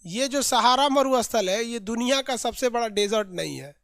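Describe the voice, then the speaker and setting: A man's voice: extremely high pitch, lively intonation, normal speed, fairly bright tone, dry recording. Male tutor, live online class, repeats lists in chant, dry close sound. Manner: drills lists by repetition, colloquial and playful. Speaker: teacher.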